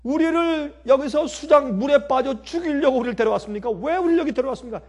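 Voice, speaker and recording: A man's voice: extremely high pitch, fast talker, voice pushed up. A man voicing a crowd of bitter, complaining refugees, whining and accusing in a raised voice.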